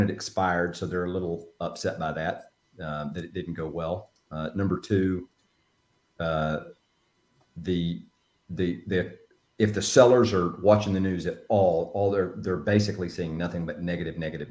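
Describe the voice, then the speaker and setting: A man with a Southern Texas accent and a fairly low voice tells folksy, animated stories. He is coaching another agent in a relaxed chat. The sound is roomy and echoey. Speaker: real estate agent.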